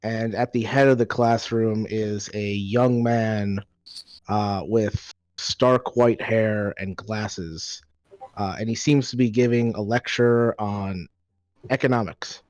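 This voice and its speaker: Slow, halting man narrating a game. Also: fairly low pitch, fairly even intonation, darkish tone, dry recording. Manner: halting, pauses mid-phrase. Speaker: game master. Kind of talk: improvised tabletop game narration.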